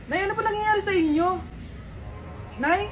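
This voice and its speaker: Woman, very high voice, playful comedy skits, role switching, music behind. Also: normal speed. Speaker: comedy skit creator. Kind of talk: comedic skit acting several roles.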